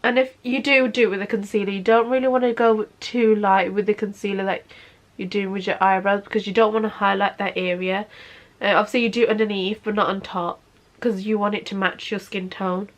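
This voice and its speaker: Perched on her bed, a woman in her 20s walks through a makeup tutorial in a relaxed, chatty way, sniffling and repeatedly saying "obviously." She talks a little fast in a steady, mid-range voice.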